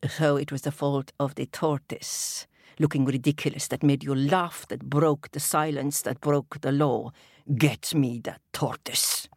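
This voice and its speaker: A woman storyteller voicing a grumpy male crab king who speaks slowly and sternly in a low voice. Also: fairly even intonation, dry recording, studio quality, heavily acted. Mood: accusing. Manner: slow, low and commanding.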